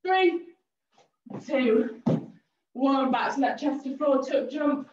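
A high-voiced woman coaches a cardio workout, calling out encouraging cues and countdowns. She is out of breath from exercising along. The sound is roomy and heard from a little way off the mic, slightly dull. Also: steady tone, slow, darkish tone, a little hiss or hum. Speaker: fitness instructor. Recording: roomy, distant and a bit dull.

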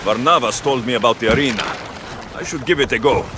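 An actor playing Alexios, a confident mercenary hero in a video game, speaking in a dry, self-assured way. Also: male voice, medium pitch, fast talker, background noise, close to an everyday voice.

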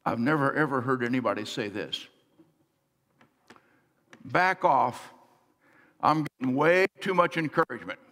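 Middle-aged pastor preaching in a reverberant church. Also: male voice, mid-range voice, a little slow, long pauses. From United States. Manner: earnest preaching, swings between soft and emphatic. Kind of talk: sermon. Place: large church sanctuary, on stage. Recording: long church hall reverb.

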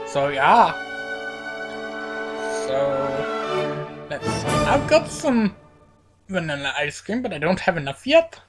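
This gaming channel host has a low, fairly bright voice that cracks from a cold. She rambles playfully over a video game, filling her commentary with lots of fillers.

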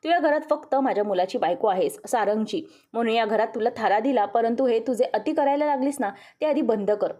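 A woman's voice: a little high, fairly quick, few pauses, mellow, close to an everyday voice. A woman voicing an angry grandmother who scolds her daughter-in-law in a stern, accusing tone. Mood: angry scolding.

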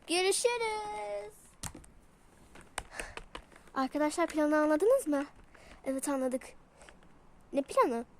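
A woman's voice: high-pitched, slight background noise. A woman doing a toy role-play, voicing several pet characters and switching between playful character voices. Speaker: toy video creator.

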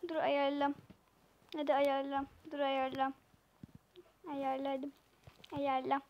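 Slow-talking high-voiced young woman gamer. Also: completely flat delivery, lo-fi sound, slight background noise. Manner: playful, giggly, chatty with viewers. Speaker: gaming channel host. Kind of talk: casual gameplay commentary.

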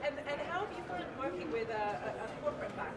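A woman's voice: sits high, expressive, fast talker. A middle-aged woman interviewing a founder at a conference, friendly and conversational, on a handheld mic. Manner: friendly, conversational, hesitant fillers. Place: busy conference hall, indoors. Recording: crowd chatter behind.

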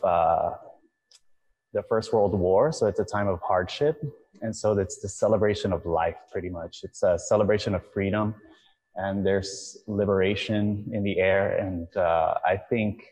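Low-voiced young man, reflective. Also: darkish tone, in a large hall. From Miami, USA. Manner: thoughtful, halting, many fillers and restarts. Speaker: choreographer and dancer, guest. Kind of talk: artist talk. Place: outdoor courtyard.

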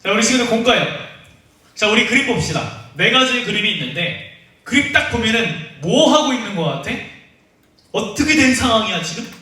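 A man's voice: sits high, big pitch swings, brisk, pushed and bright. A young man teaching an online Sunday school lesson for children, playful and teasing, calling the kids by name. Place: church room. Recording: echoey, distant from the mic.

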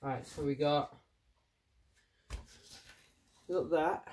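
In this casual unboxing vlog, a young man with a cold-blocked nose digs through old gear in a cluttered room, talking in a chatty, meandering way packed with fillers. His slightly high voice has a darkish tone and fairly even intonation at a normal speed, recorded far from the mic.

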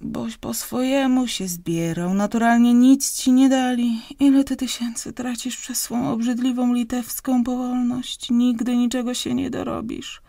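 A woman's voice: mid-range voice, expressive, a little slow, darkish tone, no room sound, studio quality. A woman reading an audiobook, voicing a grasping, domineering wife who scolds and interrogates her husband. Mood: scolding. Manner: scolding, interrogating, raised and insistent. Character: grasping sharp-tongued middle-aged wife, domineering.

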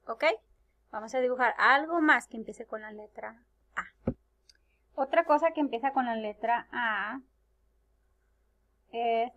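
Slow, bright-voiced preschool teacher. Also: female voice, fairly high pitch. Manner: drawn-out words, syllables clapped and repeated; asks "ok?" after each step. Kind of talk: slow, patient lesson for young children.

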